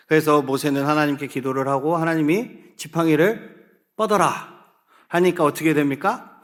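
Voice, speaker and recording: A male youth pastor preaching in a church, his voice sitting high and swinging widely in pitch. He keeps turning to the listeners with questions and calls for group readings. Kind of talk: sermon.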